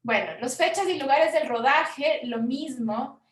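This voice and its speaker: A Chilean woman, a film producer, explaining funding forms in a frank, conversational workshop talk with quick asides. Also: sits high, reverberant, distant mic. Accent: Chilean Spanish.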